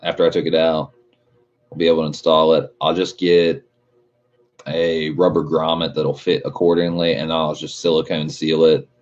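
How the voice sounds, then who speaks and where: A man's voice: very deep voice, level tone, moderate pace. A man talking like a frat bro, full of "dude" and swearing, chatting casually on a livestream as he hosts and answers viewers. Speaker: car livestream host. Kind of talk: casual livestream chat, reading out viewer comments. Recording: muffled audio with loud music behind. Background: loud music.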